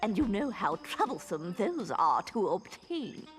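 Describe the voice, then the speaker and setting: A woman's voice: medium pitch, big pitch swings, measured pace, soft background music. A woman playing a flirty, scheming female animal villain with a syrupy, drawling, coquettish delivery in a video game cutscene. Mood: coy.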